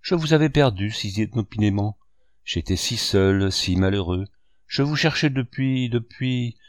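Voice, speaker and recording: A man's voice: fairly low pitch, expressive, measured pace, no echo, studio quality. A man reading a novel aloud, voicing a heartbroken and bitter young male artist. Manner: emotional, bitter.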